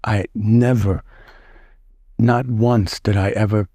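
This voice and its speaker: Middle-aged guy from the us, lowish dark voice, stops and restarts a lot, dry close sound. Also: steady tone, dry recording. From United States. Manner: halting, with many restarts and repeated words. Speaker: interview guest. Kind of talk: casual interview answers.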